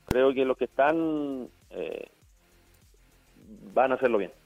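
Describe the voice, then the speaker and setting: A man's voice: mid-range voice, animated, slow pace, vocal fry, no room sound, soft background music. Man on a tinny phone line. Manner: hesitant, repeats words while searching. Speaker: football coach guest. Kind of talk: phone interview. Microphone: phone call.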